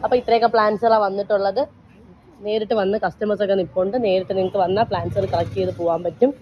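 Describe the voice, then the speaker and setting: A woman's voice: medium pitch, level tone, very fast, slight background noise. A woman casually chatting as she shows her plants and urges viewers to order, recorded at a plant nursery with muffled sound. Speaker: plant seller. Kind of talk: casual sales chat.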